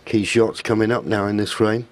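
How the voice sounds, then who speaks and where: A man giving live snooker commentary in a hushed, measured delivery. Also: on the low side, little pitch movement. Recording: clear crowd and hall noise. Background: snooker audience, ball clicks.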